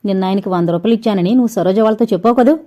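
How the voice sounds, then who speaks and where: A stern young elder sister with a sharp, scolding tongue, put on by a woman reading a storybook aloud. The voice sits mellow and dark rather than bright, and the recording sounds dull and lo-fi. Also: medium pitch, racing, close to an everyday voice.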